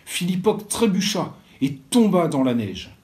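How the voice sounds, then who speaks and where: Guy doing library storytime for kids, a bit higher voice, expressive read-aloud. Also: measured pace. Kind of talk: children's story reading.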